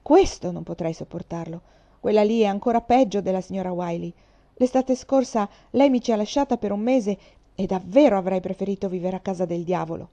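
A woman's voice: medium pitch, fairly quick, dark tone, lightly acted. A woman voicing a tough, boastful orphan girl of about twelve who talks in a brash, defiant way. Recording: slightly dull lo-fi recording.

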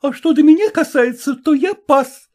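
A woman's voice: high voice, expressive, moderate pace, darkish tone. A woman voicing a haughty, spiteful visitor who speaks in cold, cutting sarcasm. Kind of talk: audiobook character reading.

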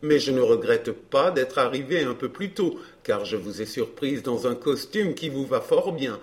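A man reading a glib, self-assured gentleman in an audiobook dialogue, smooth and bantering. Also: medium pitch, animated, moderate pace, lightly acted.

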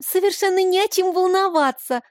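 Woman doing a sly little girl in a storybook, squeaky high and bouncy. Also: normal speed, darkish tone, no echo, studio quality.

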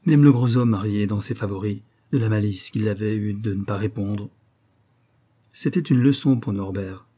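Man, audiobook narrator, measured storytelling, mellow dark tone, husky. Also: on the low side. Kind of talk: scripted narration.

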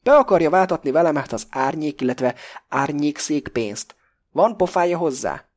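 A man voicing an excitable middle-aged businessman in an audiobook, shrill and exclamatory. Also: close to an everyday voice. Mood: outraged. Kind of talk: audiobook character voice.

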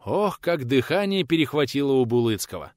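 A male narrator reads a historical novel aloud with expressive storytelling. His pitch moves a great deal, and the recording is dry and close. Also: fairly quick, no room sound. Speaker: audiobook narrator. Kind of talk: scripted narration.

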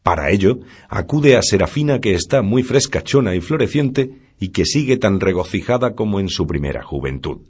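A man narrating a classic novel aloud in a measured storytelling manner. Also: fairly low pitch, sing-song, darkish tone, husky. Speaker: audiobook narrator.

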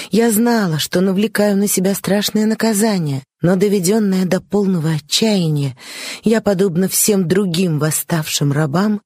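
Woman narrating a storybook, lowish voice. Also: a little mellow, breathy edge, no room sound. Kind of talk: audiobook narration.

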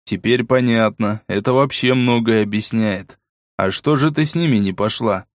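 Brief: a gruff wary man, curt and wry, lower pitch, dry studio audiobook read, by the narrator himself. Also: normal speed, no room sound, natural voice. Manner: curt, low and sardonic. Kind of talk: audiobook character voice.

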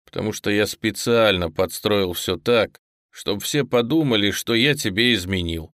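A man voicing a blunt, gruff young man who talks in a curt, hushed way, in an audiobook. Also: on the low side, moderate pace, no room sound, clean studio sound, natural voice. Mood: bitter.

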